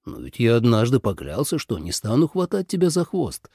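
A man voicing a self-assured male god of war who asks plain, blunt questions in a somewhat lowered voice in an audiobook. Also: wildly swooping pitch, moderate pace, warm tone, husky, no room sound, clean studio sound, exaggerated voice. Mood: calm.

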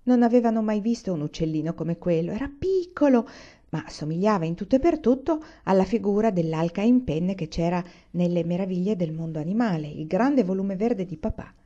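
A woman reading a children's novel aloud in an expressive, deliberate way. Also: medium pitch. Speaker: reader. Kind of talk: storybook read-aloud. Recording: muffled lo-fi recording.

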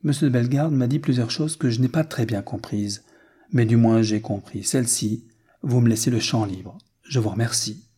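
A man's voice: medium pitch, normal speed, mellow, breathy edge, natural voice. A man reading the lines of a proud, cold old aristocratic marquise in a haughty, formal way.

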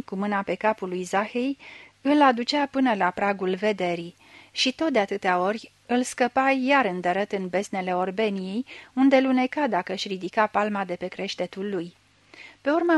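A woman narrating a literary story in a measured, expressive reading voice. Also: mid-range voice, dry recording. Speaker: audiobook reader.

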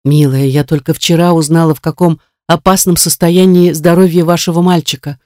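A reader voicing a kind, generous woman who calmly reassures her grieving friend in an audiobook. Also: mid-range voice, fairly quick, no room sound, clean studio sound, natural voice. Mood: reassuring. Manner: soothing, reassuring. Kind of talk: audiobook character reading.

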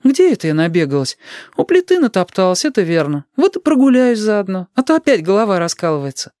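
A man doing a brisk, caring mother. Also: high voice, sing-song, darkish tone, no echo, clean studio sound, voice pushed up. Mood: bustling. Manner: bustling, affectionate. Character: tired caring middle-aged mother, brisk.

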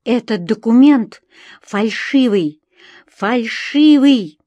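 A woman's voice: on the high side, lively intonation, takes it slowly, dry recording, muffled recording, voice pushed up. Woman voicing a desperate defiant wife. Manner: shouting, pleading.

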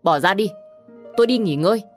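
A woman's voice: mid-range voice, animated, fairly quick, soft background music, pitched above the performer's own voice, lightly acted. A woman voicing a pregnant young wife who pleads and defends herself in an audio story. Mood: pleading.

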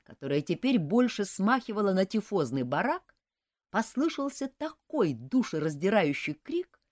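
A woman's voice: on the high side, a little mellow, no echo. A woman narrating a first-person story with dry, sarcastic humor, also voicing the heroine's own lines. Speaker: audiobook narrator.

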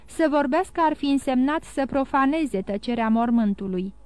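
A woman narrates a classic novel in a steady, measured reading voice that sits fairly high. The recording is dry and close, with no room sound. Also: smooth, dry recording. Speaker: audiobook narrator.

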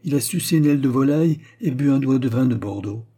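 A man's voice: mid-range voice, animated, fast talker, mellow, lightly acted. A man reading aloud, voicing a chatty young maid who eagerly reports back to her mistress. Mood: reporting.

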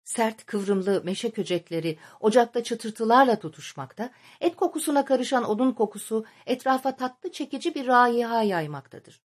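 A woman reading a novel aloud as an audiobook narrator, in a measured, literary storytelling manner. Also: a little high, animated.

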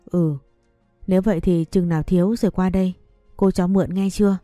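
A woman's voice: lowish voice, fairly even intonation, fairly quick, mellow, no room sound, soft background music, natural voice. A woman voicing a motherly older market vendor in an audio story, speaking with fussing affection. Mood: caring.

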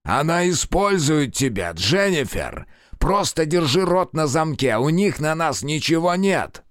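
A man's voice: on the high side, big pitch swings, a little slow, no echo, studio quality, pitched above the performer's own voice. A man reading an audiobook voices a furious, cornered male art criminal who barks insults. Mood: sneering. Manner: snarling, barking insults.

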